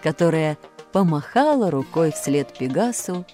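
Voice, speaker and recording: A woman narrating a children's story aloud in an expressive, animated way. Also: deep voice, unhurried, soft background music.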